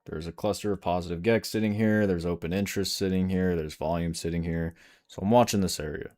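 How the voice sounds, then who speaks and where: A man's voice: sits low, steady tone, fairly quick, darkish tone, faint music behind. A man streaming live day trading, casually explaining charts and answering questions from chat.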